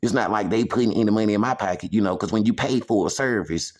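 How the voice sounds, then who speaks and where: A man from the United States talking to camera about his own grievances, repeating himself with lots of "you know" and stretching some phrases out slowly. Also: lowish voice. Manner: repetitive, emphatic, heavy use of "you know". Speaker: vlogger. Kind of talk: personal monologue to camera.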